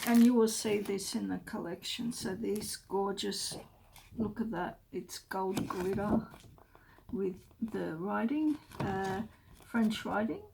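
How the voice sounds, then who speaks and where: A woman talks slowly and casually through her craft pages, rambling and sometimes dropping to a murmur. Her voice sits a little high with a gravelly fry. Clear background noise and paper crinkling are heard under her. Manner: chatty, rambling, often trails into soft murmurs. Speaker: craft vlogger. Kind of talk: casual show-and-tell. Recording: noisy room with paper crinkling.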